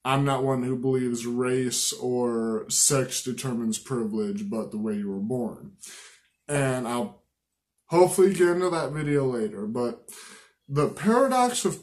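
A young man giving an unscripted opinion rant to camera, slightly drunk, halting and stumbling over his words. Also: medium pitch, darkish tone. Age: young adult. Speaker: vlogger. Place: small room indoors at home.

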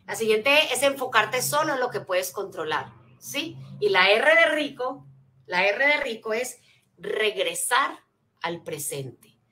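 With a slightly high voice and a measured pace, this motivational speaker runs her seminar like a lesson. She's an energetic teacher who checks in constantly with rhetorical questions, spells out acronyms and tells her audience to take notes.

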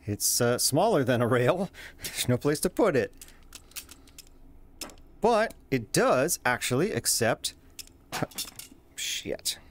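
Casual gameplay host, jokey and exclaiming, highly animated intonation. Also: takes it slowly, long pauses. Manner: playful, exclaiming, swearing at slips. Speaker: host of a video game weapon showcase.

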